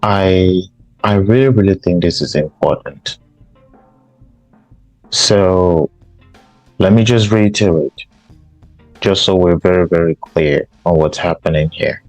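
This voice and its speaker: A man's voice: low voice, slow, long pauses, darkish tone, no echo, soft background music, rough recording. A man from Cameroon, hosting a podcast and giving an emphatic political commentary monologue. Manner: emphatic, repeats himself for stress. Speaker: podcast host.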